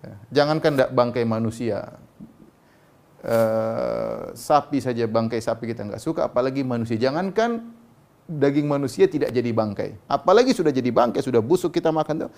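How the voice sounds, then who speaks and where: A man's voice: medium pitch, animated, normal speed, vocal fry, a little mellow. Man preaching with emphatic rises. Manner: conversational, frequent "ya" tags, rising emphatic peaks. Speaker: Islamic preacher. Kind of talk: sermon lecture.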